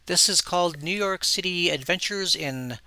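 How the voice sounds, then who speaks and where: A man hosting a tabletop game as game master, relaxed and chuckling, pausing often with "uh". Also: high-pitched, dry recording, rough recording. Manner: relaxed, chuckling, with frequent "uh" pauses.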